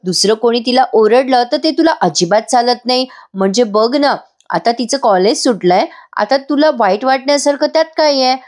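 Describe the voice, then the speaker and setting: A woman's voice: fairly high pitch, expressive, moderate pace, hardly any pauses, darkish tone, voice pushed up, natural voice. A woman reading the lines of a frank male best friend who gives earnest, insistent advice, in her own voice.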